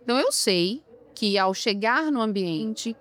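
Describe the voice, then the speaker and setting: A woman's voice: a little high, expressive, unhurried, a bit bright. A woman who coaches people on public speaking, talking emphatically in an interview and often asking rhetorical questions. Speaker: communication coach. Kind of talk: podcast interview.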